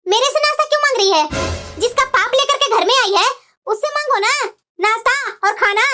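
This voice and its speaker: A woman voicing a suspicious, quarrelsome middle-aged mother-in-law in a cartoon, nagging and accusing. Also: a little fast. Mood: angry, accusing. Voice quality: shrill, very high cartoonish voice. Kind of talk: Hindi cartoon voice acting. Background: background music.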